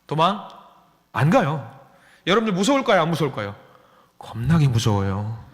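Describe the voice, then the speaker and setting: A man's voice: on the high side, lively intonation, moderate pace. A male pastor preaching a sermon, telling a story with acted dialogue and questions to the congregation. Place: church sanctuary. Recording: long church hall reverb.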